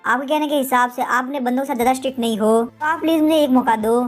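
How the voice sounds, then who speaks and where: A woman's voice: high voice, fairly even intonation, fast, faint music behind, natural voice. A woman voicing a brash, mocking young prince. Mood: smug. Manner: taunting, boastful.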